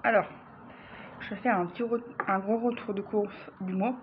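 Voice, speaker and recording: A woman's voice: medium pitch, fairly even intonation, moderate pace, muffled recording, a little hiss or hum. A woman vlogging a grocery haul at home, chatting casually to the camera with lots of fillers and restarts. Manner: chatty, addresses viewers directly, frequent fillers and restarts.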